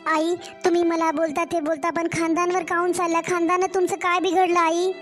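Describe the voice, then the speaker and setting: A woman's voice: extremely high pitch, level tone, moderate pace, soft background music. A woman voicing a young, mistreated daughter-in-law in a cartoon story, pleading. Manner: pleading, complaining.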